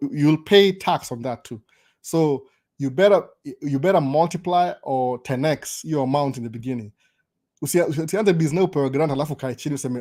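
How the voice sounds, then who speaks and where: A man's voice: a little high, a little mellow. A young adult man with a Kenyan accent hosting a casual live stream, switching between Swahili and English and stammering through restarts. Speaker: host.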